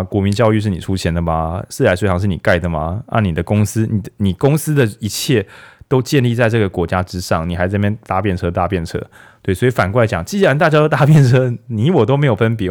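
A man's voice: fairly low pitch, expressive, fast, darkish tone. A man hosting a casual book talk, chatty and joking, firing off rhetorical questions. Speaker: podcast host of a book talk.

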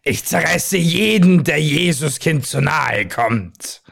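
A man's voice: fairly high pitch, expressive, takes it slowly, creaky, a bit bright, heavily acted. A man voicing a boastful male lion in a storybook reading.

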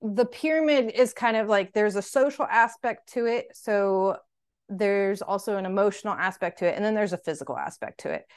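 Woman vet tech on a podcast, chatty, lots of likes and kind-ofs, mid pitch. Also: moderate pace, clear, resonant tone. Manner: chatty, heavy use of "like" and "kind of". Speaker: veterinary technician podcast co-host. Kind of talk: casual educational podcast talk.

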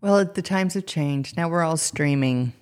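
A woman's voice: low voice, a little slow, a little mellow, smooth. A woman from the United States co-hosting a casual chat, chatty and playfully teasing. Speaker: podcast co-host.

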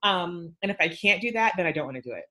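A middle-aged woman with a slightly low-pitched voice, chatting in a relaxed podcast conversation. She talks emphatically and leans on fillers like "um" and "you know". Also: quick pace. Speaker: podcast guest, PR and social media adviser.

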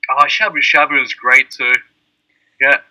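An Australian man with a very bright, sharp-edged voice. He talks casually and loosely, rambling through long lists and leaning on fillers. His pitch sits in an ordinary middle range. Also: steady tone, a little slow, poor audio. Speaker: skateboarding teacher in Japan. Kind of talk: casual chat.

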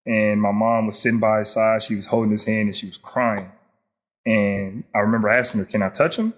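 A man's voice: on the low side, little pitch movement, brisk. A young man, an interview guest, recalls a personal loss in a reflective way, often saying "you know".

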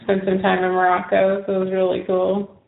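A woman speaks casually as an interview guest, slowly and with little pitch movement. Vocal fry runs through her voice, and the line is tinny. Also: completely flat delivery. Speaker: guest author. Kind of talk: casual personal storytelling in interview. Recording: roomy, tinny phone-like call.

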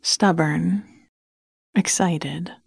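A woman reading a story in a quiet whisper, voicing an amused man remarking on his pets. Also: fairly low pitch, very slow, vocal fry, breathy edge, no echo, clean studio sound, exaggerated voice. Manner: wry, amused. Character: amused man, dog owner.

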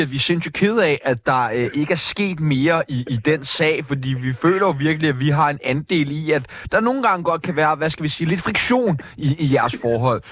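A man's voice: medium pitch, fairly bright tone, no room sound. A man co-hosting a radio show, teasing and mock-solemn during casual prank calls. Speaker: radio co-host.

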